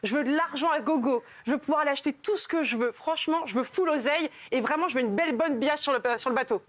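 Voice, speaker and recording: High-voiced woman telling jokes. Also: fast, no echo. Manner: casual slangy joke delivery. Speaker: joke teller. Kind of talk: telling jokes on a TV comedy show. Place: TV studio.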